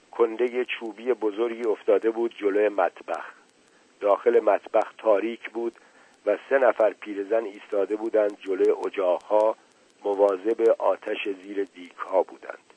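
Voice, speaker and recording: Man reading a story aloud, steady and measured, low husky voice, tinny phone-like sound. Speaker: narrator. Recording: tinny phone-like dry recording.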